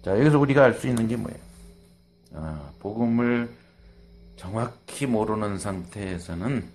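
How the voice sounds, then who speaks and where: The pastor's voice is on the low side and moves at a normal speed. In his sermon he unpacks scripture conversationally, animated throughout, acting out quotations and adding asides along the way.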